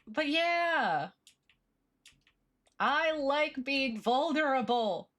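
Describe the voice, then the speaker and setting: Cute anime streamer girl, woman w really high bouncy voice, chatting to her stream, playful and informal. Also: lively intonation, drawn-out words, fairly bright tone. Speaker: livestream host. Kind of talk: casual livestream chat while drawing.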